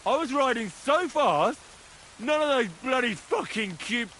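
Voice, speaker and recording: A cocky young man from a video game, bragging and swearing as he goes. His voice sits fairly high and moves around a lot. He speaks at an unhurried pace. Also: expressive, sharp tone, slight background noise, full character voice.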